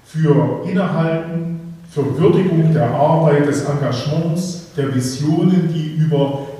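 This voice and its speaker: A man's voice: on the high side, measured pace, dark tone. A man in his fifties, an association chairman giving a ceremonial speech, reminiscing with some hesitant fillers. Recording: echoey hall from far off.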